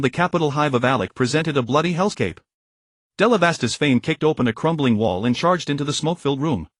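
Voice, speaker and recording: A man giving scripted audiobook narration in an even, steady reading. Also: medium pitch, no echo.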